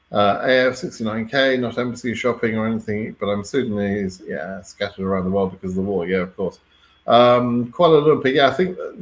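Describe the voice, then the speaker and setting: A British man hosts an informal live Q&A stream, blunt, wry and mildly exasperated, with the odd swear word. His voice is fairly low-pitched and the recording is rough.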